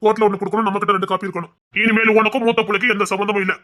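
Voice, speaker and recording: Actor doing a bossy tirunelveli big brother in a cartoon, talks fast, barks orders. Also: medium pitch, flat delivery, bright, forceful tone, lightly acted. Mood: commanding. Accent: Tirunelveli Tamil. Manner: blunt, commanding. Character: scheming older village brother, blunt. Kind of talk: cartoon voice acting.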